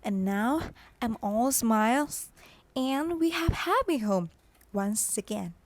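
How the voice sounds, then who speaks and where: A Thai-accented woman playing a spoiled, demanding rich girl in a student stage play, telling her story slowly and going shrill when she demands things. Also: lively intonation. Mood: boastful.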